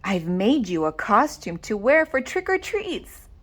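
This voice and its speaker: A woman's voice: medium pitch, sing-song, unhurried, fairly bright tone, husky, heavily acted. A woman voicing a doting, cheery storybook mother dog in an affectionate sing-song. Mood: fond, cheerful.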